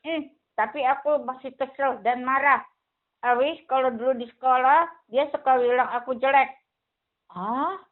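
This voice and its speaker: A woman's voice: sits high, fairly even intonation, moderate pace, pitched above the performer's own voice, close to an everyday voice. A woman voicing a sulky young boy puppet who complains in a whiny way. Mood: upset. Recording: tinny phone-like sound.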